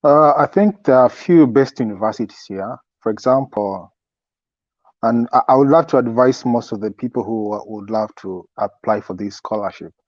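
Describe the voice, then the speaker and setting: A young man in a casual interview, giving advice as a student guest in a halting way, often repeating his words. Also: medium pitch. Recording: echoey, dull lo-fi sound.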